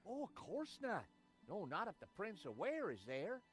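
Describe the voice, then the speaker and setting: A man's voice: high-pitched, wildly swooping pitch, normal speed, faint music behind, pitched above the performer's own voice. An actor voicing a game hero who puts on a Southern US accent to play an overeager, nosy male tourist. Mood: gushing. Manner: gushing, wide-eyed, playing dumb.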